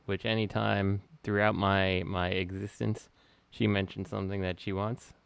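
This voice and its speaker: A man co-hosting a casual podcast, speaking in a dry, deadpan way. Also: low voice, normal speed, vocal fry, clear, resonant tone. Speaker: podcast co-host. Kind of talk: casual chat.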